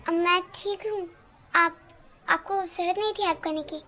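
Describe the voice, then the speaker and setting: A woman's voice: extremely high pitch, steady tone, normal speed, bright, forceful tone. A woman voicing a shy, flustered young woman in an amateur Hindi fan dub, talking hesitantly with small stammers. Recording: faint music underneath.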